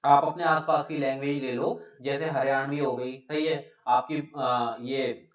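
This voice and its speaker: A male teacher giving a live online exam-prep lesson. He explains a point, keeps asking the students whether it is clear, and reads out their names from the chat. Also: mid-range voice, steady tone, a little slow. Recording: echoey, distant, dull lo-fi room sound.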